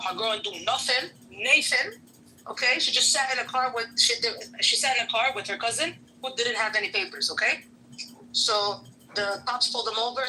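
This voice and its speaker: Over a phone mic on a voice-chat app, a woman from New York, an immigration law clerk by trade, fires off rhetorical questions in a blunt, profane, heated casual chat. Her voice is on the high side with a sharp tone, and the rough recording carries slight background noise.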